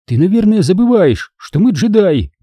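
A man voicing a hot-tempered teenage girl Jedi apprentice in an audiobook, quick to argue and indignant. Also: high-pitched, very animated, dark tone, slightly rough, no echo, voice pushed up, exaggerated voice. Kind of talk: audiobook character voice.

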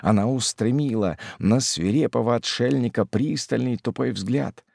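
A man narrating a classic novel as an audiobook, in a dramatic, unhurried reading. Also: medium pitch, vocal fry, darkish tone, dry recording, clean studio sound.

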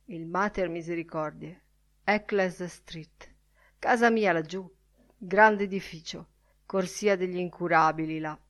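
A woman narrating a literary audiobook with a calm, varied delivery. Her voice sits slightly low for a woman.

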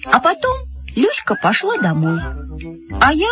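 Animated woman reading a children's story. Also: high voice, a little slow. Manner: animated, playing a girl narrator. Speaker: audiobook reader. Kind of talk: first-person children's story narration. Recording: dull lo-fi with music behind.

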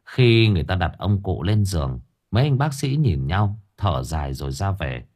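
A man narrating an audiobook story in a lively, colorful storytelling manner. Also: deep voice, moderate pace, breathy edge.

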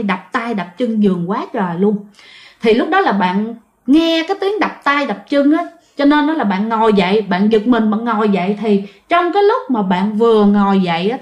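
A woman with a Southern Vietnamese accent and a slightly high voice casually tells a ghost story, with the highs cut off in the audio. She is chatty, speaks directly to her listeners, and uses frequent fillers.

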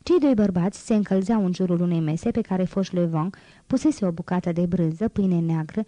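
A woman reads a classic novel aloud in a steady, even voice. Her tone is low and mellow. The recording is dry and close. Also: dry recording. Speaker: audiobook reader. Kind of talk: audiobook narration.

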